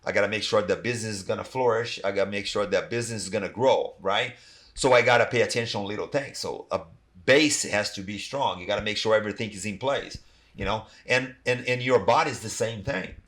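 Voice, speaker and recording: A man's voice: on the low side, fairly quick, fairly bright tone. A middle-aged man from Brazil with a Brazilian accent, speaking English, talking casually in a podcast interview and filling his speech with "you know" and "like". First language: Portuguese. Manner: rambling, many "you know, like" fillers. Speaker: guest, athletic trainer.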